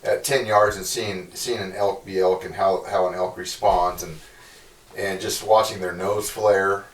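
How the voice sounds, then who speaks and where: A man's voice: low-pitched, steady tone, unhurried, reverberant, far from the mic, low-quality recording. A man reflecting casually in an earnest way, repeating words as he gathers his thoughts. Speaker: guest hunter.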